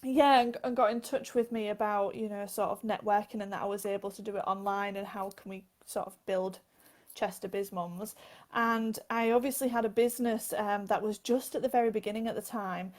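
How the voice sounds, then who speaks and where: A woman speaks as a guest on a live phone interview. She talks in an earnest, open way, with a voice of ordinary pitch for a woman. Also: steady tone, fairly quick, darkish tone. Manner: earnest, laughs between phrases. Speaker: guest, author and advocate. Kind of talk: casual interview answers.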